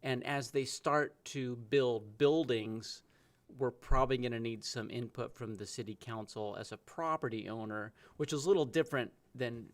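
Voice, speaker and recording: A man, the city's planning director, explaining technical procedure at a council work session, measured and sprinkled with ums. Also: medium pitch.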